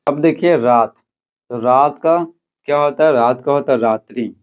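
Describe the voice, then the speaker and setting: A man's voice: mid-range voice, moderate pace, smooth. Man teaching a lesson over tinny sound. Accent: Hindi. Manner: repeats "theek hai" often, explains step by step. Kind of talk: explaining a school lesson.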